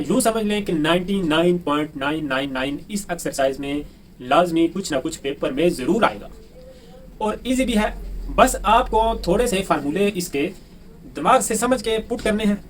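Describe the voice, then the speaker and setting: A man with a Pakistani Urdu accent teaching a math lesson, who keeps asking the class questions and answering them himself. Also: sits high. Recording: distant mic with faint room noise.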